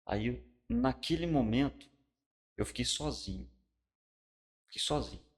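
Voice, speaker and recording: A middle-aged man with a Brazilian Portuguese accent, a pastor and guest, telling his personal testimony in casual, colloquial talk. He tells it with animation and drops to a hush for the solemn parts. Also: medium pitch, expressive, measured pace.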